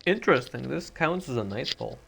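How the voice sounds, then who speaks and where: A man's voice: mid-range voice, expressive, brisk, creaky, a bit bright, husky. A man streaming a video game, talking casually and rambling with frequent stutters while feeling a little sick. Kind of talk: casual gameplay commentary.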